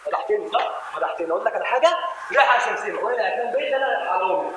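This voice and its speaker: An actor with an Egyptian accent playing a quick-tempered male thief leader who scolds his sidekick in a comic stage play. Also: high voice, animated, very echoey, noisy background. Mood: bossy. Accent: Egyptian Arabic. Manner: scolding, fast-talking. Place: theater stage.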